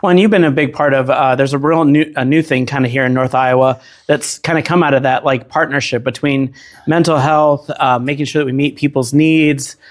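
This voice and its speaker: A man's voice: mid-range voice, steady tone, fairly quick. A man hosting a casual interview, asking rambling, conversational questions and often chiming in to agree. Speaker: interview host.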